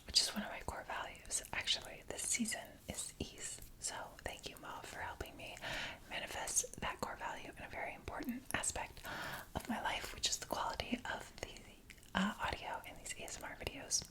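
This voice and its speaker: A woman whispering an informal, rambling ASMR chat close to the microphone, with halting asides. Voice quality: soft unvoiced whisper. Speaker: ASMR video creator. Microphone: close external microphone plugged into phone.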